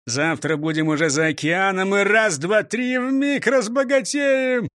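A man voicing a bossy robber gang leader who gives hushed, blustering orders. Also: high-pitched, measured pace, no echo, clean studio sound, voice pushed up.

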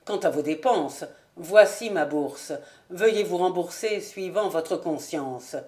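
A woman's voice: fairly low pitch, slow, darkish tone. A woman voicing a proud, gloomy young male nobleman who speaks coldly and haughtily, in an audiobook. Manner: cold, haughty and restrained.

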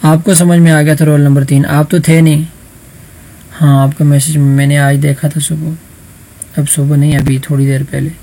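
Gravelly-voiced man teaching online. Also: a little high, little pitch movement, mellow, slight background noise. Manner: patient, addresses students by roll number. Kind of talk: online Arabic grammar lesson. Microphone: computer mic in an online voice chat room.

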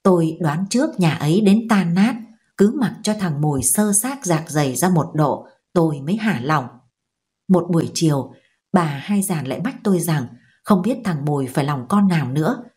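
Low mellow woman reading a novel. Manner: steady, measured storytelling. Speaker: audiobook reader. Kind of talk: audiobook narration of a novel.

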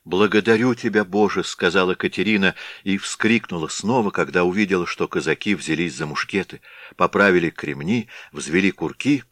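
A man narrating a classic tale in a measured, dramatic storytelling manner, recorded in a studio. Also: low voice, a bit bright, dry recording. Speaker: audiobook narrator.

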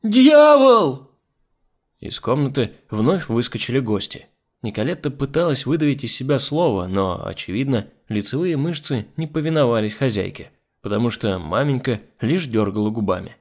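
Man narrating a story in lively tones. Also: mid-range voice, moderate pace. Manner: lively first-person storytelling. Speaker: audiobook narrator. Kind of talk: scripted narration.

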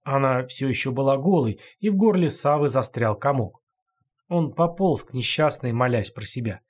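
A man narrates a dark story in a measured audiobook reading. His voice sits at a middle pitch and has a husky, breathy grain. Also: lively intonation.

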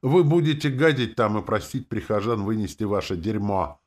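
A man voicing a crude, vicious female demoness who taunts and threatens in a mocking, shrill tone for an audiobook. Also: lively intonation, normal speed, darkish tone. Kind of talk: audiobook character voice.

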